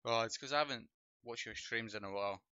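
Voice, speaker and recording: A man hosts a loose gaming chat with a low, bright and sharply clear voice. He rambles and thinks aloud in an easygoing way. The sound is dry and a little dull, like a lo-fi stream microphone. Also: quick pace, no echo. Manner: relaxed, rambling, thinks out loud. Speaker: podcast host and streamer.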